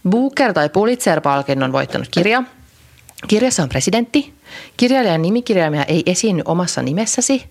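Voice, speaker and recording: Young woman cohost, creaky low voice, rambly casual chat full of fillers. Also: expressive. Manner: chatty, rambling, many fillers and restarts. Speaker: podcast co-host.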